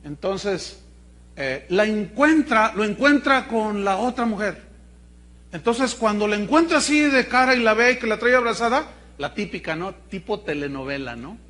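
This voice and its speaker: High-voiced Mexican preacher. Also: male voice, normal speed. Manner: animated, colloquial, humorous storytelling. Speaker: pastor. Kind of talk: sermon.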